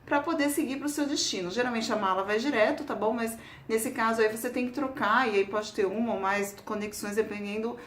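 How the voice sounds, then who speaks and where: A Brazilian woman with a Brazilian Portuguese accent talks casually to her viewers in a slightly high voice. She keeps checking in with little tag questions and stumbles over repeated words as she thinks. The sound carries a noticeable room echo with a faint hiss behind it. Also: fairly quick, few pauses, fairly bright tone. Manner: chatty, tag questions on nearly every phrase, repeats words as she searches. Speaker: travel vlogger. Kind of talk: casual explanatory talk to camera. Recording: roomy echo.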